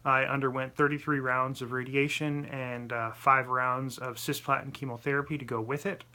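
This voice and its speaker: A man's voice: medium pitch, little pitch movement, normal speed, pushed and bright. A man with a lisp talking casually to the camera in a personal vlog, apologetic and self-deprecating. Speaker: vlogger.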